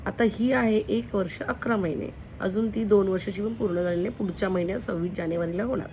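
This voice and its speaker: A woman's voice: medium pitch, fast, a little mellow, slight background noise. A young woman filming a casual home vlog as a mother, talking straight to her viewers in a chatty way and asking them for advice. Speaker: mother and family vlogger. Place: at home, indoors.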